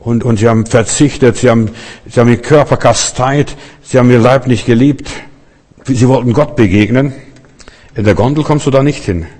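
A man preaches with insistent, repetitive emphasis and speaks straight to his listeners. His mid-pitched voice rings out in a church hall with a long, lingering reverb. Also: fairly quick, darkish tone. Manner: emphatic preaching, repeated "weißt du", addresses listeners directly. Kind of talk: sermon.

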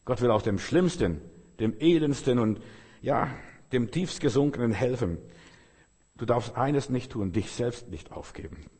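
A man's voice: mid-range voice, expressive, a little slow, darkish tone, husky. A man preaching a sermon, emphatic and repetitive, stacking long lists of phrases. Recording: long hall reverb.

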